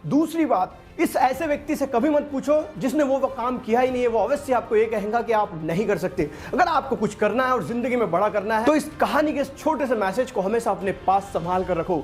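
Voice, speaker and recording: A man's voice: very high-pitched, animated, a little fast, hardly any pauses. A man telling a motivational story and addressing listeners as friends. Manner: addresses listeners as friends, voices villagers in quotes.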